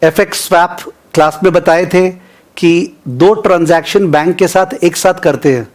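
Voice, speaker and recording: A man's voice: sits high, moderate pace. A man from India teaching an online finance class in a casual, chatty way, mixing Hindi and English and often checking in with students.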